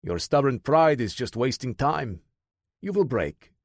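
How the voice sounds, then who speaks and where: A man's voice: mid-range voice, sing-song, a little slow, no room sound, clean studio sound. A man doing a menacing Russian-accented interrogator. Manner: menacing, harsh. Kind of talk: audiobook character voice.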